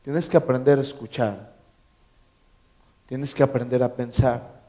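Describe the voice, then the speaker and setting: A man's voice: medium pitch, fairly even intonation, a little slow, mellow. A man preaching a sermon as pastor, emphatic, repeating key phrases and quizzing his congregation with joking asides. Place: church.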